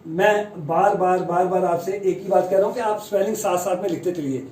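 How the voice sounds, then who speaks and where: A man teaching the pronunciation of long English words, chatty and self-deprecating, slowly sounding out each word. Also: sits high, a little mellow, roomy sound, recorded from a distance, slight background noise, low-quality recording. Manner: slow, careful spelling-out of long English words. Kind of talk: Hindi-language pronunciation lesson.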